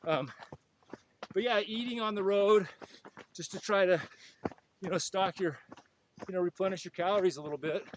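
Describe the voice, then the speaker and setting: Podcast guest, man, easygoing and full of fillers, higher voice, audible noise behind. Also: normal speed, pauses often, low-quality recording. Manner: easygoing, lots of ums and you-knows. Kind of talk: casual conversational advice. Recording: noticeable background noise.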